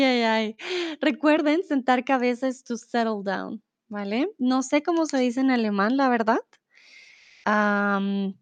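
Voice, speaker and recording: Woman, teacher, live stream lesson, slow, patient, fairly high voice. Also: dry recording, muffled recording. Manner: slow, patient, reads viewer comments aloud and explains. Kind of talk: live-streamed language lesson reading chat.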